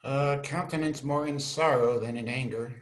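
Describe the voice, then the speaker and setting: A man playing Horatio, Hamlet's earnest, loyal young scholar friend, in a measured, deferential Shakespearean dramatic reading over a video call. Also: medium pitch, lightly acted, low-quality recording. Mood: earnest, assured. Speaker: amateur volunteer actor.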